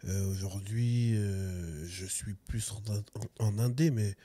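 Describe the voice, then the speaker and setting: A man's voice: on the low side, slow pace, warm tone, slightly rough, dry recording. A man in his forties talking loosely as a podcast guest, laid-back and slangy. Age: 40s. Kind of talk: casual interview chat.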